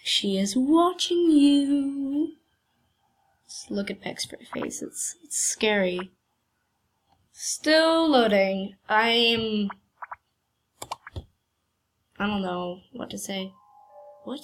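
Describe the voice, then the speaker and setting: A gaming channel host with a cold gives casual commentary while playing a computer game, captured by screen recording with faint game music behind her. Her voice is a little high with lively intonation, and she is hesitant and rambling, drawing out words, pausing long, and using many fillers. There is slight background noise.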